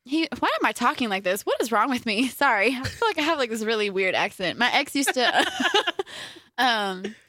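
A young woman with a high, bright voice chats and laughs through her stories. She acts out what she and others said with lively quoted lines. The sound is close and dry. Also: normal speed, no echo. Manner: giggly, animated storytelling, quoting herself. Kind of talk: casual chat.

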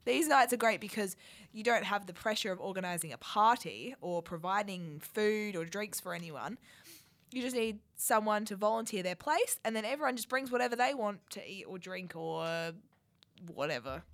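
A young Australian woman co-hosting radio in casual chat, her voice croaky and hoarse from a head cold, chatty and self-deprecating. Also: medium pitch, expressive, moderate pace. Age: young adult. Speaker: radio co-host.

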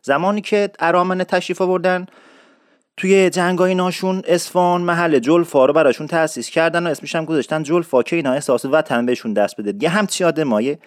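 A man from Isfahan, hosting an informal radio-style language lesson, explaining patiently, slowly repeating example words and adding playful asides. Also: fairly high pitch, no echo, clean studio sound. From Isfahan, Iran. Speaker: host and dialect teacher.

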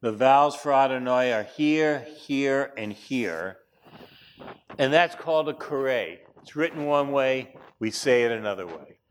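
A man's voice: mid-range voice, animated, unhurried, slight background noise. A man teaching a class, chatty, with wry asides and frequent fillers. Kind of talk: classroom lecture.

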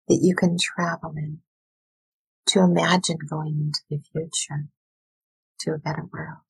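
A woman educator speaking in a soft, soothing, deliberate way with pauses, as if leading a guided visualization, her voice breathy and husky. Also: lowish voice, no echo, low-quality recording. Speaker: educator, workshop leader.

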